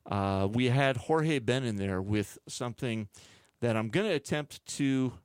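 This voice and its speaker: A man hosting a radio music show, chatting casually and back-announcing songs in a relaxed, rambling way full of fillers. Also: mid-range voice, a little slow, clear, resonant tone, no echo. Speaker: radio DJ host.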